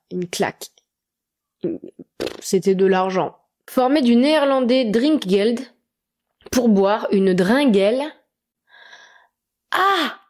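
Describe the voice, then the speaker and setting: Une jeune femme, youtubeuse, qui parle sur un ton décontracté et se moque d'elle-même en lisant des questions de quiz à voix haute. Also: female voice, medium pitch, a little mellow. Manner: chatty, self-mocking, reads quiz questions aloud. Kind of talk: casual chat.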